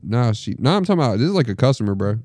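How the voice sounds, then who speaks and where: A man's voice: mid-range voice, big pitch swings, rapid-fire, a little mellow, no room sound, studio quality. A young man co-hosting a podcast, trading blunt, crude banter with lots of swearing in casual chat. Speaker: podcast co-host.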